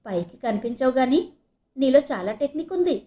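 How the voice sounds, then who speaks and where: A woman's voice: high voice, lively intonation, a little fast, warm tone. A woman narrator voicing teasing male college seniors mocking a newcomer. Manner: mocking, raised voice.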